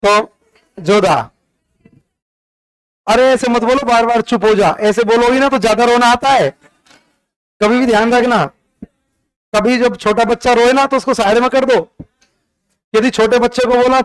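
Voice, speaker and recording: Chatty high-voiced teacher with a lilt. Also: male voice, steady tone, normal speed, pauses often, clear, resonant tone, low-quality recording. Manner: chatty, teasing, joking with pupils. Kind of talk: classroom history lesson. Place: classroom.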